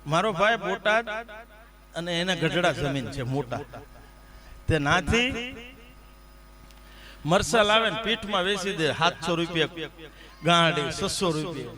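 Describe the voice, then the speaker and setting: A man's voice: fairly high pitch, unhurried, pauses often. A man telling comic folk stories on stage, acting out the dialogue. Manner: animated joke-telling with quoted dialogue. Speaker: dayro storyteller. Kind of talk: live comic folk storytelling. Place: stage before a live crowd. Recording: live stage recording with crowd. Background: crowd.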